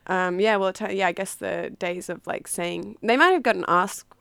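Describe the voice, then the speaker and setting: A woman's voice: mid-range voice, moderate pace, gravelly, a bit bright, smooth, no room sound, clean studio sound. An Australian woman co-hosting a radio show, chatting casually with a sardonic edge and plenty of ums and likes. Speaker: radio co-host. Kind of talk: casual chat.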